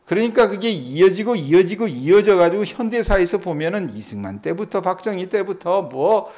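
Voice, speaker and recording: A man's voice: very animated, moderate pace, a little mellow. A middle-aged male pastor, preaching an early morning Bible sermon and asking the congregation questions, then answering them himself. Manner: acts out quoted voices with sudden pitch jumps. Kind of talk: dawn service Bible exposition sermon.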